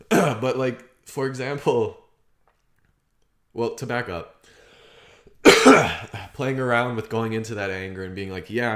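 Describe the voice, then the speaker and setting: A man talking through his feelings in a rambling, halting, reflective monologue, clearing his throat often and swearing casually. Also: on the low side, roomy sound. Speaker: vlogger. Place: outdoors on a property.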